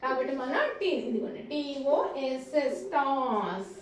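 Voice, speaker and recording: A woman's voice: high voice, expressive, measured pace, far from the mic. A woman teaching a phonics lesson to young children. She asks questions, answers them herself and spells each word out letter by letter. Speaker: play school teacher. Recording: echoey room, voice from off the mic, faint room noise.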